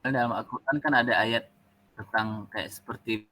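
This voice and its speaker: Man, Indonesian accent, student, bright, husky, hesitant classroom questions. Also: mid-range voice, steady tone, moderate pace, no echo, poor audio. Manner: hesitant questions spoken from across the room.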